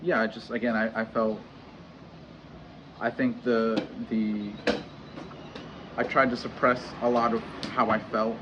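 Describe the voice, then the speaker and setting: The dull, lo-fi recording, with constant noise underneath, captures a thirtysomething vlogger at home in Mexico. In a lowish voice, he shares candid personal talk haltingly, restarting often and leaning on fillers.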